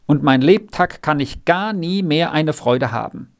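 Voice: expressive, measured pace. A reader doing a bitter, sullen farmhand boy. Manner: curt, low, resigned. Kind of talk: audiobook reading.

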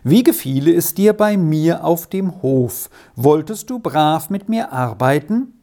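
A woman voicing a generous, firm middle-aged farmer's wife who talks in a brisk, kindly way in a read-aloud storybook. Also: low-pitched, animated, mellow, pitched above the performer's own voice.

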